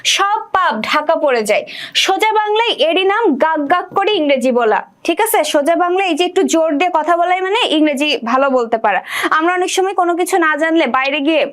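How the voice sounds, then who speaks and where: A woman's voice: very high voice, animated, fairly quick, a bit bright. A young woman teaching an exam-prep literature lesson. She reads lines from the text aloud, then explains them and asks her students questions.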